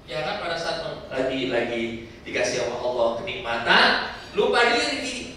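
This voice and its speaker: A man instructing a pilgrim group in a lively sermon, asking the listeners questions as he goes. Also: medium pitch, normal speed, slight background noise. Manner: lively preaching with rhetorical questions. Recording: very echoey hall from far off, faint ambience.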